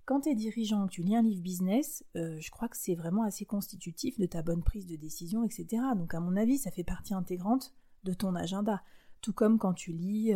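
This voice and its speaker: A woman with a warm, mellow voice talks through business advice in a relaxed, chatty monologue. She is upbeat and conversational, dropping fillers and light laughs as she goes, at an everyday mid pitch. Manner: chatty and enthusiastic, with frequent fillers and small laughs. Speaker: podcast host giving business advice.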